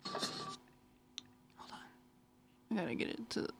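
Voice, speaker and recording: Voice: drawn-out words, fairly bright tone, in a whisper. A podcast host running a quiz game, upbeat and teasing, keeping the game moving. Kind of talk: casual game hosting.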